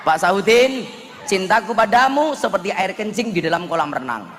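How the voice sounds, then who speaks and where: A male preacher giving a humorous wedding sermon, animated and joking, at a large gathering. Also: high-pitched, moderate pace, a little hiss or hum. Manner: joking, animated, slips into Javanese dialect and sung verses. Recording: echoey hall with faint ambience.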